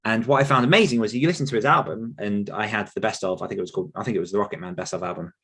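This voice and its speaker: This British author in his thirties speaks rapid-fire in a husky, low-leaning voice that's also a bit bright. As a podcast guest he reflects casually, letting his stories wander.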